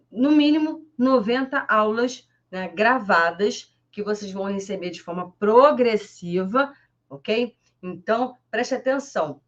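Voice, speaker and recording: A woman's voice: medium pitch, highs cut off. A Brazilian woman teaching an online French class on a live stream, chatty and peppering her talk with little tag questions. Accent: Brazilian Portuguese.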